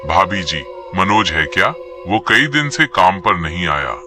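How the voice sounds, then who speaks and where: A man's voice: low-pitched, sing-song, a little slow, music in the background. A man playing a polite young coworker who speaks with concern. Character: polite young male friend from work.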